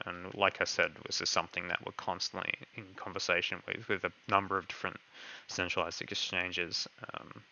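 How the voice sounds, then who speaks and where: This man's low voice has vocal fry and a sharp edge, captured in lo-fi sound. Answering community questions as host of a crypto project's live online Q&A, he is losing his voice and stumbles through hesitations, fillers, and plenty of "kind of."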